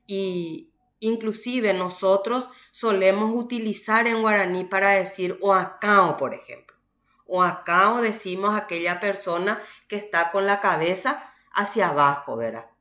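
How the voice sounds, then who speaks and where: A woman teacher from Paraguay giving a university language class, explaining slowly and often checking with "¿verdad?". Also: medium pitch, sharp tone, reverberant. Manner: slow, explanatory, frequent "¿verdad?" tags. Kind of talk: online class lecture.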